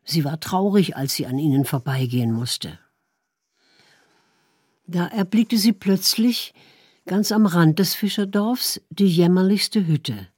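A woman reading a story aloud in calm, measured narration. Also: fairly low pitch, breathy edge, dry recording, studio quality. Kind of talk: audiobook narration.

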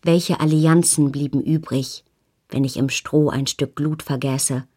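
A woman calmly narrating a novel in the first person as an audiobook reader. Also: low voice, measured pace, husky.

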